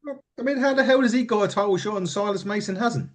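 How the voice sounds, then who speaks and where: A man co-hosting a podcast in casual chat about wrestling, rambling and animated, often laughing and restarting sentences. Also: high-pitched, fast. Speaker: podcast co-host.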